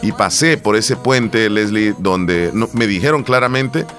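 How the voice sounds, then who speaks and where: A man co-hosting a casual talk show, telling a story with lively quoted lines and frequent restarts. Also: fairly low pitch, a little slow, soft background music. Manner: animated storytelling, acts out quotes, many restarts. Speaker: co-host. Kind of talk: casual chat.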